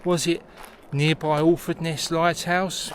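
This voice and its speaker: Slow and level, a man with a voice on the high side narrates his explanatory vlog while out in a forest. The recording carries noisy outdoor sound.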